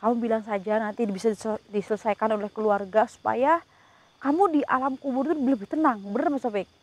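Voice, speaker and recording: Woman ghost hunter, fairly high voice, coaxes and pleads with a spirit, murmured prayers, recorded outdoors. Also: quick pace. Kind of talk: paranormal investigation commentary. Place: outdoors at night before rain.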